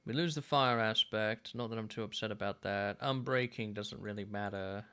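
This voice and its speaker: A man in his thirties streaming a game, musing aloud in a relaxed way with plenty of fillers. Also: lowish voice, normal speed, clear, resonant tone. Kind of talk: casual gameplay commentary.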